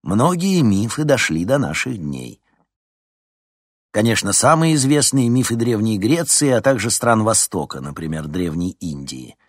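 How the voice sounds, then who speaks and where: A charismatic young history teacher who lectures with lively, engaging swings of pitch, as the narrator puts him on. Husky, slightly raised voice. Dry close recording. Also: male voice, no echo.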